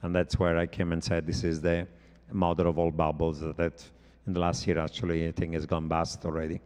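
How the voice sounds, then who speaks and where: Very deep monotone guy, smooth voice, lots of uhs, echoey conference hall. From Italy. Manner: measured, frequent hesitant fillers. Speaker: economist panelist. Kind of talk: panel discussion. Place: conference stage.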